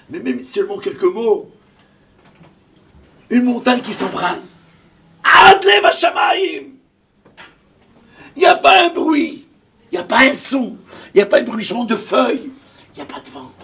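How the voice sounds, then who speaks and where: Guy preaching a fiery sermon, lively pitch jumps, whispers then shouts, sounds far off and muffled. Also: normal speed, creaky, pauses often. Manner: impassioned, swings from whispers to shouted Hebrew verses. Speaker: rabbi. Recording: distant lo-fi recording.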